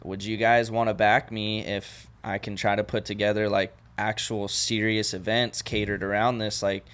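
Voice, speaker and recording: A man's voice: on the low side, moderate pace. A young man talking casually as a podcast guest, loose and rambling with lots of fillers. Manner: relaxed, rambling with many fillers. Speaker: podcast guest and event organizer.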